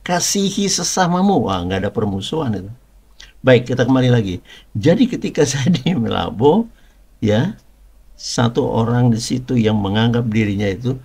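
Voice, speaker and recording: A man's voice: medium pitch, a little mellow, slightly rough. A middle-aged man preaching and telling a personal testimony, in a conversational style full of rhetorical questions and emphatic repetition.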